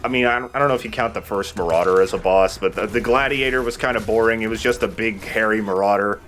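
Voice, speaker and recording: A man hosts a let's play, giving casual, explanatory commentary while he plays and swearing mildly now and then. His voice is fairly low, fast, and a bit bright, with video game music behind him.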